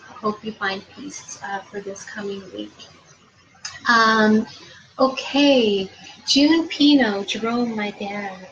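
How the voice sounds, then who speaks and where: A woman working as a psychic medium, giving spirit readings on a live stream in a soft, unhurried way with many filler ums. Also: medium pitch, dull audio, slight background noise. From Prince Edward Island, Canada.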